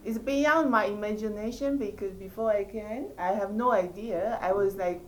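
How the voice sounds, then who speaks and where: Hesitant Taiwanese actress as a guest. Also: female voice, mid-range voice, normal speed, slight background noise, rough recording. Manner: hesitant, searches for words, laughs. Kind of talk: casual interview chat.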